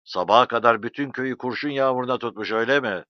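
A man reading an audiobook voices a stern village landlord who barks commands and shouts, with a dull, lo-fi sound. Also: mid-range voice, fast talker, dry recording, natural voice. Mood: commanding.

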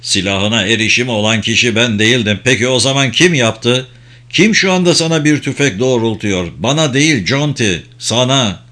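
A man voicing a male officer who speaks low, quiet and controlled. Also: moderate pace, lightly acted. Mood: accusing.

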